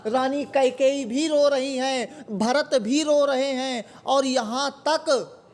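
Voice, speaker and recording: A Hindi teacher with a very high-pitched voice goes slowly through a poem line by line. He repeats words and keeps posing his own questions, then answering them himself.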